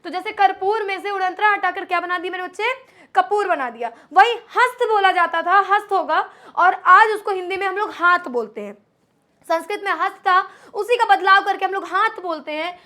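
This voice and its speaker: A woman teaching Hindi grammar in an online exam-prep lesson. She calls her students "my child", asks questions and answers them herself, and slows down to stress key letters. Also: extremely high pitch, sharp tone.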